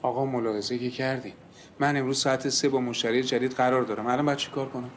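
A man's voice: medium pitch, fairly even intonation, slight background noise, natural voice. An actor playing a frustrated man short of money who is selling property, pressing and sarcastic. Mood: indignant. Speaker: property seller.

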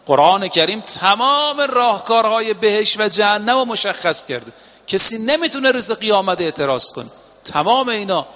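High, bright-voiced impassioned preacher. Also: male voice. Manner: impassioned, drawn-out emphatic phrasing with quoted dialogue. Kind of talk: sermon with storytelling. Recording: long reverb of a hall.

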